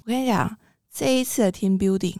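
A woman with a Taiwanese Mandarin accent telling a story in casual podcast chat, animated and expressive. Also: mid-range voice, brisk, no room sound, studio quality. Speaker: podcast co-host.

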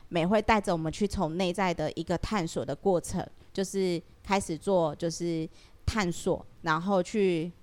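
Podcast guest, woman, Taiwanese Mandarin accent, low-ish voice, reflective storyteller, lots of fillers. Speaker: guest sharing her experience. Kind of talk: casual podcast conversation.

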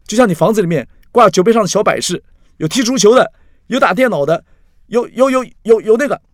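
A drunk, desperate young man whose voice shoots high and loud, indignant and pleading in a storybook telling, as a male narrator puts him on. He sounds lively and strained. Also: racing, dry recording, studio quality. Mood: pleading outburst.

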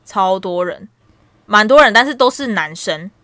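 An animated woman of about thirty, co-hosting a casual chat. She tells stories with plenty of laughter and a middle-pitched voice. The recording is dry and close, with almost no room sound. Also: normal speed, no echo. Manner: animated storytelling, laughs a lot. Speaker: podcast co-host.

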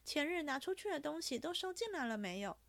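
A high, pointed voice for a jealous young mistress of a grand house, as a woman reader puts her on. She needles and questions quickly, in command of everyone around her. The sound is close and dry. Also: big pitch swings, gravelly, a bit bright, dry recording, full character voice. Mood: teasing. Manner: teasing, probing, quick and commanding.

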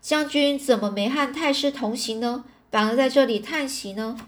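A woman's voice: high-pitched, moderate pace, a little hiss or hum, lightly acted. A woman reading a storybook, voicing a cunning older male official who feigns concern. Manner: sly, solicitous.

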